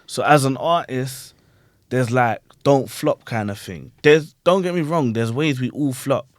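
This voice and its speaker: This podcast host, a grime MC, talks about performing at a measured pace in a medium-pitched voice. He's lively and slangy, keeps checking in with his guests, and repeats "you get what I'm saying." The audio is studio quality, without echo.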